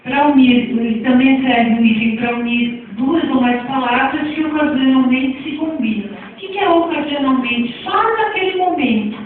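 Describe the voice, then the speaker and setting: Brazilian lady teacher, high voice, asks the class stuff, sounds far off and tinny like a phone. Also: moderate pace, hardly any pauses, heavy reverb. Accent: Brazilian Portuguese. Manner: chatty, asks the audience questions. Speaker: teacher giving a talk on spelling reform. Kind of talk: classroom lecture.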